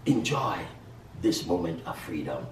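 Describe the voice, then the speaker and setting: Man, sermon, lively swooping delivery, shouting and hushed turns, roomy echo. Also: measured pace, a little hiss or hum. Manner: shouts at high points, drops to a hush. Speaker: preacher. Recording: echoey room, distant mic, faint background.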